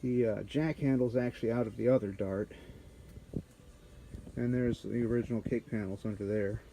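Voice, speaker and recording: A man in a garage narrating his car restoration in a casual, halting way, his voice muffled by a respirator mask. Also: medium pitch, fairly even intonation, creaky, mellow, a little hiss or hum. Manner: halting, many fillers while working. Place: auto body garage.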